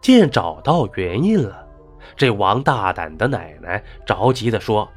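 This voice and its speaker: A male storyteller telling an eerie village tale, his pitch leaping up and down with strong dramatic swings. Soft music runs quietly behind him. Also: sing-song, unhurried, slightly rough. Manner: dramatic, rising and falling delivery. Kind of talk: scripted narration of a ghost story.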